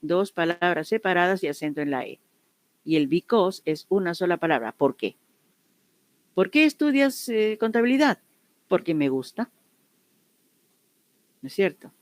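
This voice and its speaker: Her voice is deep, her pace normal, and she pauses often, with no room sound around her. As an English teacher explaining grammar online, she repeats each example patiently and regularly checks her students' understanding.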